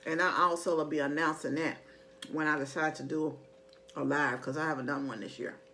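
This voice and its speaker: A woman's voice: deep voice, steady tone, fairly quick, noisy background. A middle-aged woman in casual, rambling chat to her viewers, conversational and emphatic when she makes a point. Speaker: mukbang vlogger.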